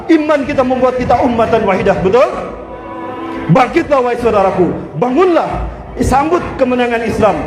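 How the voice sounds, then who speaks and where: A man with an Indonesian accent preaching at a rally in a loud, impassioned soapbox rant. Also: very high voice. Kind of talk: rally sermon. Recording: echoey with music behind. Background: music.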